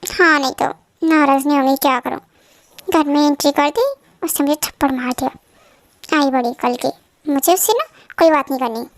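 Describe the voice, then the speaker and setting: A woman's voice: high voice, normal speed, pauses often, close to an everyday voice. A woman doing a sulky spoiled younger sister. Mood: aggrieved. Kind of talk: amateur Hindi fan dub.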